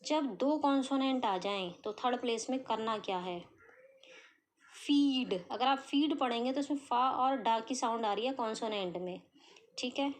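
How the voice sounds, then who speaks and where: A woman teaching shorthand step by step, asking questions and answering them herself, sounding out letters slowly. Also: on the high side, a little hiss or hum. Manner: explains patiently, asks and answers her own questions, sounds out letters slowly. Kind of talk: step-by-step tutorial.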